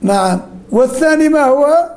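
A male teacher leading an interactive class, firing questions at students, then praising or correcting their answers, and slowly repeating the key points. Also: very high voice, lively intonation, a little mellow.

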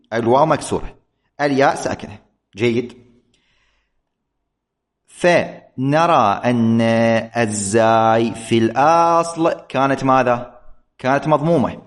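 A man teaching an Arabic grammar lesson, speaking slowly and deliberately and repeating key points. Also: mid-range voice. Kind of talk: classroom lesson on verb forms.

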